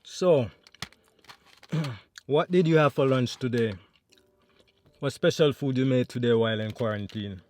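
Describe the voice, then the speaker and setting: A man's voice: medium pitch, measured pace, long pauses, darkish tone, a little hiss or hum. A Jamaican man chatting to viewers between bites in a mukbang eating vlog at home. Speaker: food vlogger.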